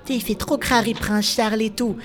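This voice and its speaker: A man's voice: sits high, fairly even intonation, moderate pace, faint music behind, pitched above the performer's own voice, close to an everyday voice. A man doing a sneering teen classmate. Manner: sneering, jeering in street slang. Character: mocking French teenage classmate, street slang.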